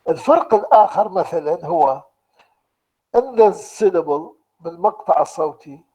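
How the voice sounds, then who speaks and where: An Iraqi-accented man lectures online to students, going slowly and deliberately over each point. His voice sits fairly high but sounds mellow and warm. He moves at an unhurried, measured pace. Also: lively intonation, slightly rough, low-quality recording. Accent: Iraqi Arabic. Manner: slow, deliberate explaining, restating points in two languages. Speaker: university lecturer.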